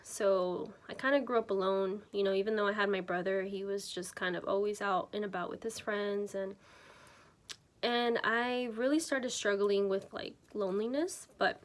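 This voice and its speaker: A Mexican woman in her twenties, a church member, shares her faith testimony to camera in a casual, unpolished way, full of ums and self-corrections. Her voice is medium-pitched and steady, at a moderate pace.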